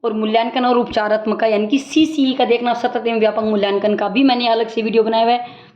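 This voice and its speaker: A woman teacher giving a brisk exam-prep recap lecture, explaining points with everyday examples. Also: on the high side, fairly even intonation, darkish tone. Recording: dull lo-fi audio.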